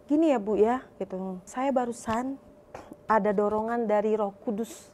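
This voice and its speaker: High-voiced woman giving emotional testimony. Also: moderate pace, a little mellow, a little hiss or hum. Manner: emotional, voice rising high when recalling prayers. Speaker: testimony speaker. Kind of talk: personal faith testimony.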